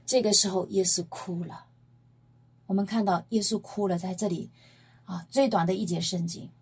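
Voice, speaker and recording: A woman's voice: mid-range voice, moderate pace, breathy edge. A woman preaching a Bible-teaching sermon, retelling scripture emphatically and posing rhetorical questions to her listeners. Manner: emphatic, lively storytelling.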